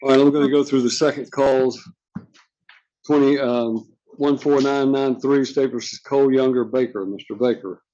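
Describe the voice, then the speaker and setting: A man speaking as a judge in formal court proceedings, measured and procedural, with occasional hesitation. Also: medium pitch, steady tone, dark tone, lo-fi sound. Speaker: judge presiding over a court docket. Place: indoor courtroom.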